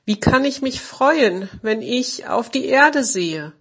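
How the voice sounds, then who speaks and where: A woman voicing a tender, sad little male star angel in a storybook reading, with a soft, plaintive, childlike manner. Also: fairly high pitch, expressive, slow pace, breathy edge, pitched above the performer's own voice, heavily acted. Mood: sorrowful.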